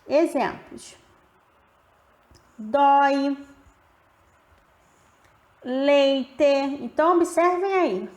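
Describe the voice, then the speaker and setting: Slow, echoey woman teaching. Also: high voice. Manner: slow, drawn-out, stretching example words. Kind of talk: grammar lesson. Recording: roomy echo.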